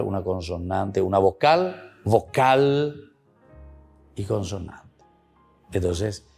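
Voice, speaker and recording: A male priest teaches the Bible in a low, gravelly voice. He addresses his listeners as friends and repeats key words to drive points home. Faint music plays behind him. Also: a little mellow.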